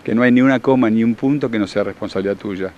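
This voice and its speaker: Un hombre con acento argentino que da talleres y explica con tono seguro, didáctico y enfático. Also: male voice, medium pitch, fast, darkish tone, dull audio, a little hiss or hum. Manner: confident, instructive, emphatic. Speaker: workshop leader and therapist. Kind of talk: explanatory interview answers.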